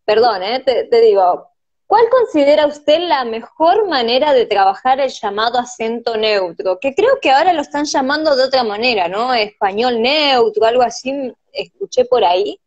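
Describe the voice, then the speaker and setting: A woman's voice: fairly high pitch, expressive, normal speed. A woman hosting an interview, chatting and answering with frequent short agreements. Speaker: host. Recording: dull lo-fi audio.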